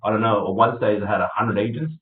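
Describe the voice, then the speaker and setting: A man's voice: lowish voice, fairly even intonation, racing. A man hosting a casual business meeting over a group voice call. He talks in a chatty way, with many fillers and laughs between points. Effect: group voice call, heard over a conference line. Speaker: meeting host for a real estate network. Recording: tinny echoey call line with faint hiss.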